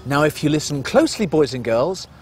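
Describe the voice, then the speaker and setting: A man playing a fussy, excitable leader of a children's camping trip, exclaiming and mock-stern like a kids show host. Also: on the high side, a little fast, over loud music. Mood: flustered. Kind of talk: scripted children's comedy acting.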